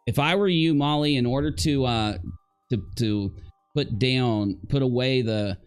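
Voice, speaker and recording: A man with a smooth, middling-pitched voice does casual live reaction commentary on a livestream while music plays softly behind him. His thinking-aloud is halting, and he frequently frames his points as questions.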